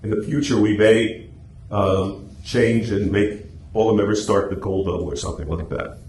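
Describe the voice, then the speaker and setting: A man's voice sits on the low side, steady and a little mellow, at a normal speed. He's a club presenter and radio script writer giving an informal, anecdote-rich presentation to a small meeting-room audience, recorded in an echoey space with faint noise.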